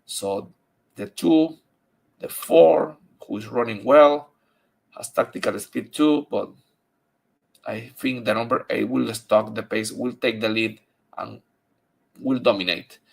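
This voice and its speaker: Male handicapper, native Spanish speaker with Spanish accent. Heavy fry and husky tone, halting but emphatic delivery of race picks. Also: mid-range voice. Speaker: horse racing handicapper. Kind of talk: unscripted race-by-race picks commentary.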